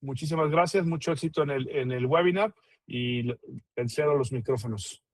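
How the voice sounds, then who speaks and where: Halting man presenting dryly. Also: medium pitch, dry recording. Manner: halting, many fillers and repeated words. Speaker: IT consultant presenting his company. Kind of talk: webinar presentation.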